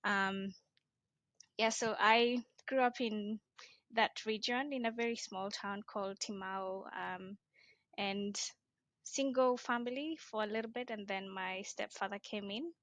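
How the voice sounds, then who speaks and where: A woman's voice: medium pitch, a little slow, fairly bright tone, no room sound. A young woman from Kenya, a guest in an interview, talking casually with frequent hesitations. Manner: hesitant, many ums. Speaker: guest, social entrepreneur.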